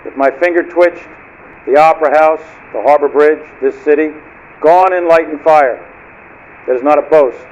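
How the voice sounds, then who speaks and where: An actor playing a cold, menacing male rogue submarine commander who speaks in a measured, declamatory way over marine radio. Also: a little high, darkish tone, highs cut off.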